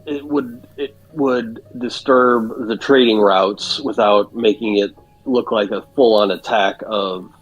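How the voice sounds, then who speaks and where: A man takes part as a player in a tabletop role-playing game, asking questions and working through theories aloud. His voice is fairly low and husky. Faint music sits under the talk. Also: fairly even intonation, slow, dull audio.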